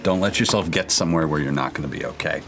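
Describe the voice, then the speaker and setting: A man's voice: very deep voice, fast talker, fairly bright tone, a little hiss or hum. A man playing a blunt, pragmatic mercenary in tabletop role-play, speaking matter-of-factly. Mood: firm, frank.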